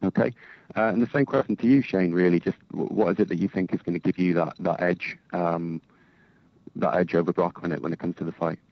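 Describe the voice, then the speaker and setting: A man's voice: deep voice, steady tone, fairly quick, no echo. A man asking questions as a journalist on a press conference call, polite and tentative. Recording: dull, dry phone line.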